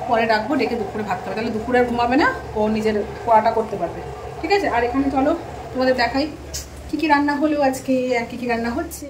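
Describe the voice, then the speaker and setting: Woman home vlogger, brisk and talkative, slightly high voice, a touch hoarse, light room noise. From Bengal. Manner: chatty, addresses viewers directly, scolds her daughter. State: throat slightly hoarse lately. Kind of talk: casual home vlog chat. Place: home kitchen and bedroom.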